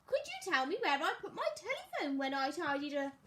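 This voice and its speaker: A woman's voice: high voice, sing-song, brisk, fairly bright tone. A woman voicing a fussy, absent-minded little lady from a children's storybook, in a questioning, sing-song way. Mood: puzzled, asking.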